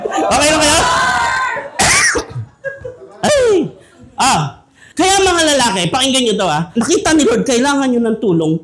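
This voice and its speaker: A man's voice: very high voice, wildly swooping pitch, a little slow, pauses often, fairly bright tone, raised voice. A man from the Philippines preaching a humorous sermon as pastor, joking and conversational, laughing often.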